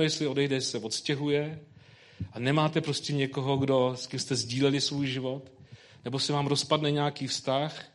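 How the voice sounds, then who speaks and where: A man preaching who first reads a Bible passage, then talks it over in loose, conversational speech full of fillers. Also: a little high. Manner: reads scripture slowly, then preaches informally with colloquial fillers. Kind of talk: sermon with scripture reading.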